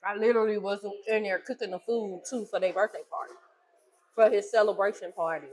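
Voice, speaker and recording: A woman's voice: mid-range voice, steady tone, a little fast, slight background noise, poor audio. A middle-aged woman, a restaurant owner co-hosting a casual chat, talking bluntly and teasing.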